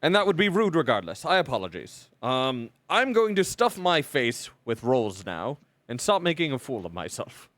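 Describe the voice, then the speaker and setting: A man's voice: medium pitch, big pitch swings, normal speed, hardly any pauses, a bit bright, dry recording. A man voicing a young nobleman, formal and apologetic, who stammers over his words and makes fun of himself. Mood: embarrassed. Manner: formal, stammering, self-deprecating.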